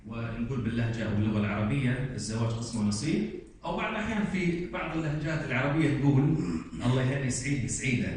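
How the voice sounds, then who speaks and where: A man's voice: medium pitch, expressive, racing, darkish tone. A man with a Kuwaiti Arabic accent presenting at an academic conference, explaining and reciting example after example, recorded from a distance in a large hall. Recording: echoey hall, distant mic, faint room noise.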